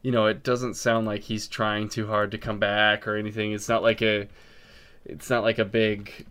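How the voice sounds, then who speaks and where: A man's voice: lowish voice, flat delivery, normal speed, a bit bright, smooth. A man co-hosting a podcast, chatting casually about music and rambling with frequent ums and restarts. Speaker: podcast co-host.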